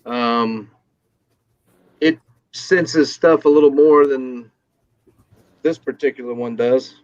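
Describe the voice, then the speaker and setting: A man explains investigation gear in a halting way, stopping often on ums. His voice sits in a middle range, and it comes through a dull, lo-fi call line that sounds dry and close. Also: mid-range voice, a little mellow, dry recording. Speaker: paranormal investigator. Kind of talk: casual explanation on a live stream.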